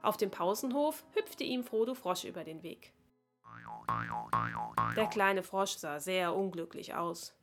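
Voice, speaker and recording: A woman reading a children's Christmas story aloud in a calm, expressive voice. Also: medium pitch, a little slow, long pauses, over music.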